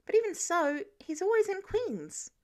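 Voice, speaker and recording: A woman's voice: very high-pitched, sing-song, unhurried, voice pushed up, heavily acted. A woman voicing a nervous, evasive teenage boy superhero who dodges questions with polite excuses. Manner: flustered, dodging with polite excuses.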